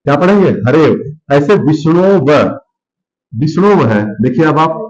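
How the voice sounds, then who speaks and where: A man's voice: fairly high pitch, expressive, normal speed, dull audio. A male teacher giving a grammar lesson, who repeats words and asks and answers his own questions.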